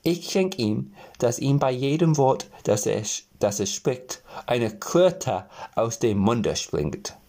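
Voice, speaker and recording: A man's voice: medium pitch, sing-song, darkish tone, exaggerated voice. A man putting on three little forest men, raised and solemn. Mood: stern. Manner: slow, solemn gift-giving.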